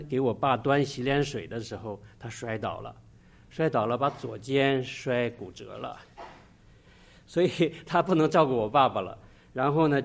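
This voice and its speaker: A middle-aged man delivers a church sermon woven with personal testimony. His pitch sits in the ordinary middle range for a man, and he speaks earnestly, pausing and restarting often mid-sentence. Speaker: church preacher.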